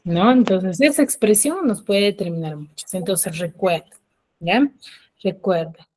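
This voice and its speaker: Over a video call, a woman teacher runs an online class, explaining things step by step and often checking in with quick tag questions. Her voice is medium-pitched with a somewhat dark tone.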